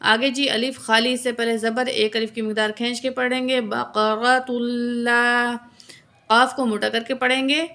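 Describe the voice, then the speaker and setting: A woman teaching a tajweed lesson, spelling out letters and vowel marks patiently and drawing out recited verses very slowly. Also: on the high side, little pitch movement, bright, forceful tone. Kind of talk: slow word-by-word recitation lesson.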